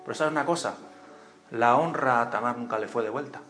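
Male pastor, lively church sermon, plays out the characters, faint music underneath, mid-range voice. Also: medium pitch, fairly quick. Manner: animated storytelling, acts out voices and cries, asks the congregation questions.

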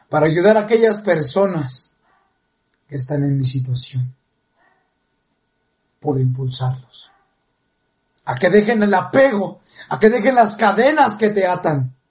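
Preachy, self-satisfied Mexican life coach, a man acting it, parody motivational tone, unhurried. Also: on the high side, darkish tone. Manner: slow, solemn, drawn-out preaching.

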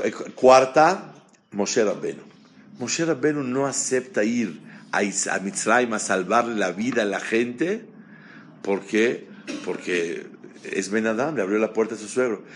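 A man giving a Torah class, animated, asking the audience questions and mixing Hebrew terms into his speech. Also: on the low side. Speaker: rabbi teaching a class.

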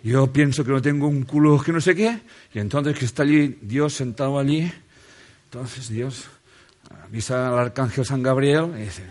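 A man's voice: mid-range voice, moderate pace, a little mellow. A man gives a jokey motivational talk from a stage under a spotlight. He speaks straight to a seated audience and asks them questions. He laughs often as he talks.

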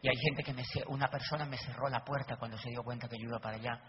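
A man's voice: medium pitch, steady tone, fast talker, pitched below the performer's own voice, close to an everyday voice. A man voicing a discouraged young male recruit who plaintively lists his grievances. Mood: glum. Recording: dull lo-fi recording with faint noise.

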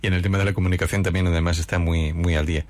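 A man's voice: low voice, steady tone, racing, darkish tone. A man hosting a radio interview, conversational and asking his guest's opinion. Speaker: radio host.

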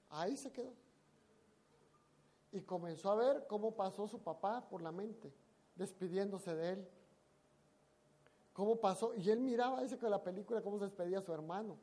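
A preacher tells a story in a sermon, dramatic, swinging between loud emphasis and hushed asides. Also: mid-range voice, husky.

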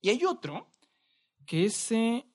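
A young man with a Mexican Spanish accent, co-hosting a podcast and telling stories in a relaxed, slangy, rambling way. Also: very high voice, takes it slowly. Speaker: podcast co-host. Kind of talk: casual chat.

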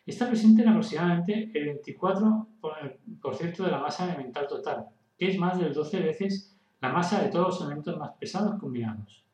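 A man's voice: fairly high pitch, expressive, a little fast, dark tone, roomy sound, recorded from a distance, rough recording. A man hosting a casual science explainer, talking loosely, restarting and stumbling on words. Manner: casual, stumbles and restarts, tells a joke as a dialogue. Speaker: host.

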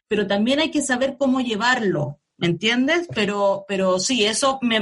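A Chilean woman journalist recounting her illness in an interview, halting and searching for words. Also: mid-range voice, a bit bright, slightly rough. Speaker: journalist guest. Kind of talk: emotional personal interview.

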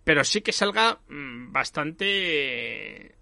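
A man from talks about a film in a casual, emphatic way. His voice sits high and swings widely in pitch. It has a bright, forward tone on a dry recording. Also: extremely slow, vocal fry, dry recording. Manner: animated, emphatic, swears casually.

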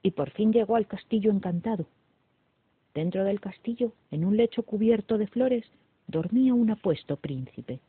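A woman reading a children's story aloud in a lively, animated way. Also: mid-range voice, moderate pace, dry recording. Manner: animated read-aloud with voices. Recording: dry, tinny phone-like, raspy.

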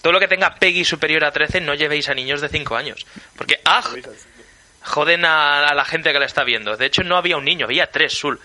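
Man, Spain Spanish accent, podcast co-host, casual chat, very sharp bright voice, slightly high, joking. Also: fast talker. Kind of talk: casual film review chat.

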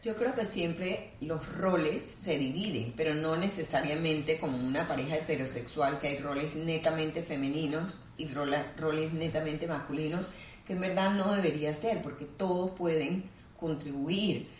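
A woman clinical psychologist speaks in a low, calm voice and explains ideas in a measured, teacherly way. Her voice is picked up from some distance, and the room adds a noticeable echo. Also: a little hiss or hum. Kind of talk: explanatory conversation. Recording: roomy sound from a distant mic.

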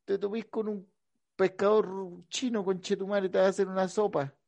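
A man's voice: high voice, flat delivery, normal speed, gravelly, darkish tone, dry recording. A Chilean man trading profane, teasing insults in crude comic banter with a co-host.

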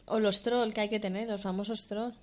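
A woman co-host in a relaxed conversation who chimes in with short supportive comments and occasional longer thoughts. Her voice sits at an ordinary middle pitch. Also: a little fast. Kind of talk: casual podcast chat.

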